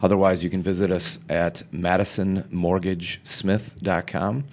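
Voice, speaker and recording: Male podcast guest, deep voice, informal professional explaining in a casual, slightly halting conversational way. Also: level tone.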